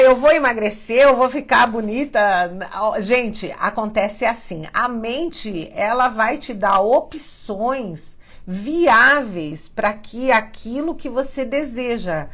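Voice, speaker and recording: A woman with a Brazilian Portuguese accent, hosting a live stream and teaching in a chatty, animated way, often acting out quoted voices. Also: medium pitch. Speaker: spiritual live-stream host. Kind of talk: casual teaching to a live audience.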